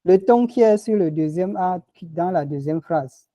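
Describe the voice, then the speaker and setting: A man's voice: high voice, animated, normal speed, mellow, no room sound. A man teaching a lesson, patiently explaining tones and repeating example words. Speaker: language teacher.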